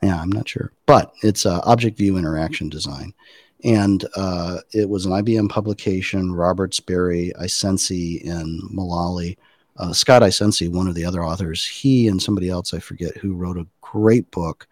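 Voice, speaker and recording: A middle-aged man with a very low voice talks through design methods in a relaxed podcast chat. He explains at length and thinks aloud, with fillers and restarts. The sound is dry and close. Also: normal speed, dry recording. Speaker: podcast guest, design practitioner. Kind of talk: casual conversational podcast.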